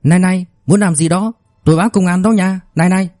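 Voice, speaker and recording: A man voicing a loud, quarrelsome middle-aged woman who shrieks and scolds. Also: fairly high pitch, fast talker, voice pushed up, natural voice. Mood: shrill alarm.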